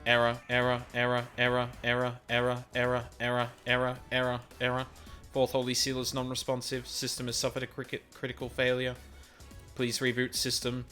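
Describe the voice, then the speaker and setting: A man's voice: mid-range voice, completely flat delivery, moderate pace, bright, forceful tone, faint music behind, lightly acted. A man voicing a malfunctioning computer system, reading clipped announcements and repeating errors while he plays a game. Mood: glitching robotic. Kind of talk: gameplay commentary, reading in-game text.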